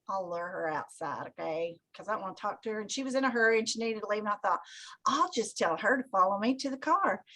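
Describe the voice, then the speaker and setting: A woman telling funny stories in casual chat on a video call, animated and laughing often, acting out her own thoughts in a high voice.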